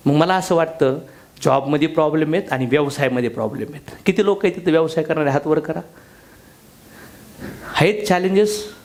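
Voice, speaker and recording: Speaking briskly with long pauses, a fairly high-pitched man gives a motivational business seminar to people in the room. His style is blunt and full of slang, mixing jokes with rapid questions to the crowd.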